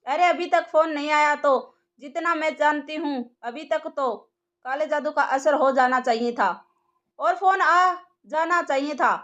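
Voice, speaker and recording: A woman's voice: high-pitched, a little slow, fairly bright tone, muffled recording. A woman voicing a scheming, domineering mother who scolds her daughter in an audio story. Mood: scolding. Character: scheming, bossy middle-aged mother.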